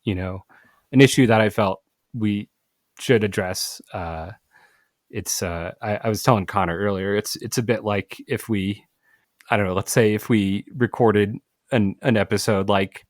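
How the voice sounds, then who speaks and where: A man hosting a podcast, talking in a halting way with many fillers and restarts. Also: lowish voice, no echo, studio quality. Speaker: podcast host. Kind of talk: casual podcast conversation.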